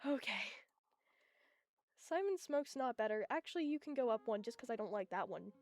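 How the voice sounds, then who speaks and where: A young woman streaming live, chatting casually in an excitable, giggly, rambling way. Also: fairly high pitch, moderate pace. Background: faint music.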